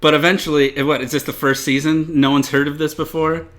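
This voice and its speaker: A man's voice: fairly high pitch, flat delivery, fast, a bit bright. A man co-hosting a comedy podcast, questioning plans skeptically with lots of hesitant restarts. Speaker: podcast co-host. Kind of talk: casual comedic chat.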